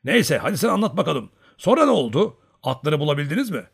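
A man doing a loud, hearty old hunter. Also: a little high, sing-song, quick pace, gravelly, breathy edge, voice pushed up, exaggerated voice. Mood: boastful. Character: boisterous old male hunter, loud and teasing.

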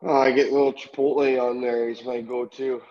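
A man's voice: mid-range voice, level tone, fairly quick, no echo. A young man from Canada, a hockey player, chatting easily as a guest over a video call, with short agreeable replies. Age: young adult. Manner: easygoing, brief agreeable replies. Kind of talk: casual interview chat. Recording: dull lo-fi video call audio.

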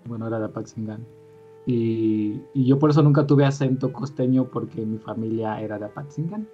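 A man from Michoacán, Mexico, chatting casually and telling animated anecdotes. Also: mid-range voice, brisk, dull audio, soft background music. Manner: animated storyteller, quotes others. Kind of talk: casual podcast chat.

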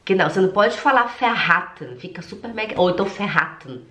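A woman's voice: mid-range voice, very fast, a bit bright. A Brazilian woman teaching German in an online lesson, sounding congested from a cold and drilling pronunciation by repeating words carefully. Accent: Brazilian Portuguese. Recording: roomy echo.

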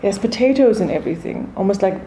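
Mellow South African woman, Durban Indian accent. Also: medium pitch, lively intonation, quick pace, a little hiss or hum, rough recording. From South Africa, east coast. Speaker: podcast guest, food and wine expert. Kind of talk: conversational interview.

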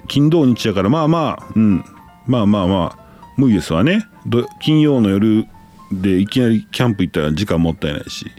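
A man hosts a casual solo talk show. His voice sits low but swings widely in pitch as he chats. He rambles, fills gaps and corrects himself often, with faint music playing behind him. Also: big pitch swings, a little fast, a little mellow. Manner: chatty and rambling, frequent fillers and self-corrections. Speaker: podcast host.

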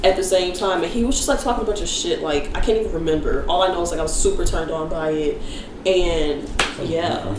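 A woman's voice: fairly low pitch, brisk, far from the mic. A young woman talks bluntly in casual slang, laughing between points. She sits away from the mic in an echoey room with noise behind her. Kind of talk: casual group chat.

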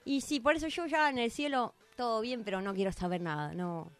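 A woman with an Argentine accent voicing a weary, broke male Cupid in a radio comedy sketch, hoarse from shouting, slangy and complaining. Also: on the high side, a little fast, lightly acted. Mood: grumbling. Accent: Argentine Spanish. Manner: slangy, complaining, laid-back.

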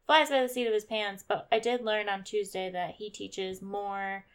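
Young woman, casual podcast chat, animated storytelling, slightly sore voice. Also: medium pitch, normal speed, smooth. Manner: animated storytelling, quotes herself and others. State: sore voice after yelling. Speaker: podcast co-host.

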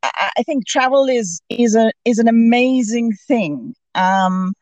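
A guest calling in from afar, a Zimbabwean woman talks casually with the podcast's interviewer, full of fillers, restarts and hesitation. Her slightly high voice is animated yet measured in pace, with a darkish tone, and there is no room sound.

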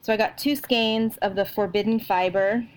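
A woman's voice: mid-range voice, fairly even intonation, moderate pace, slight background noise, rough recording. A woman co-hosting a knitting podcast at home, chatting casually with many fillers and restarts. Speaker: podcast co-host. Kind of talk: casual chat.

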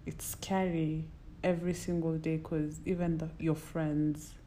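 A woman's voice: low-pitched, little pitch movement, a little slow, mellow, a little hiss or hum. A woman with a Kenyan accent in casual, reflective conversation, searching for her words and sometimes mixing in Swahili. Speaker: podcast co-host or guest.

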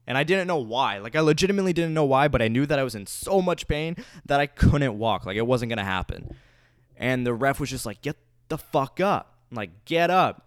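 A young man telling a story in a casual, rambling way, with lots of filler words, frequent swearing and animated outbursts. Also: medium pitch, clear, resonant tone, no echo, studio quality.

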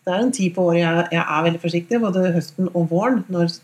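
A woman with a Norwegian accent hosts a casual chat. She speaks calmly and steadily in a fairly low voice. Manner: calm, with short listening sounds. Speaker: host.

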